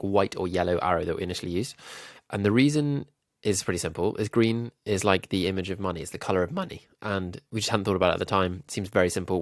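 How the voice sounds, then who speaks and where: A man with a low, gravelly voice, sounding nasal and slightly ill. He thinks aloud in an easygoing way, full of little ums, as he walks viewers through a design tutorial. The recording is dry and close to the mic. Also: no echo. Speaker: YouTube growth coach.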